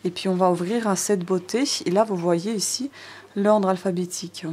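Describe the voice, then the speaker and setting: A woman's voice: on the low side, steady tone, normal speed, mellow, slight background noise. A woman vlogging a haul, hesitant, with many fillers and restarts as she talks viewers through each item. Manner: chatty, addresses viewers directly. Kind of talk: casual show-and-tell vlog. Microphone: DSLR camera on tripod.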